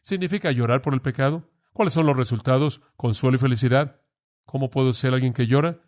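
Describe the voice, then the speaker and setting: A man's voice: medium pitch, a little fast, darkish tone. A man preaching a sermon, earnest and pressing, asking the listeners direct questions.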